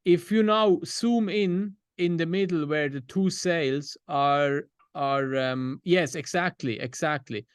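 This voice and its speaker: Direct Swiss client on a dry call. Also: male voice, on the high side, takes it slowly, few pauses, clean tone, no room sound. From Switzerland. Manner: direct, gives step-by-step instructions. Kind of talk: video call feedback. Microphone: video call.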